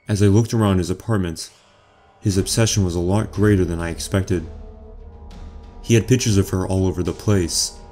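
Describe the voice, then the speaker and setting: A man narrating a horror story in the first person, quiet, measured and menacing. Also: sits low, steady tone, faint music behind.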